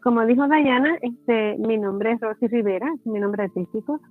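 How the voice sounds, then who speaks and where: A woman's voice: fairly high pitch, moderate pace, no echo, soft background music. A woman with a Puerto Rican accent, a guest entrepreneur telling her story in a friendly, casual chat. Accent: Puerto Rican Spanish. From Puerto Rico. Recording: tinny phone-like line.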